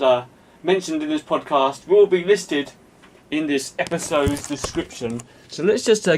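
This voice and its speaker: A man hosting a casual podcast interview, chatty and self-deprecating, slowing down to spell out names and links. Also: a little high, far from the mic, poor audio. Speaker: podcast host.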